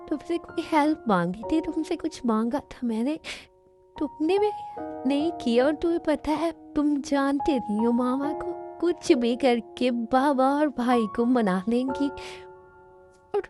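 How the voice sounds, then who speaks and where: A woman dubbing a tearful young woman who pleads with her best friend, in an amateur dubbed love story. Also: high voice. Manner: pleading, emotional.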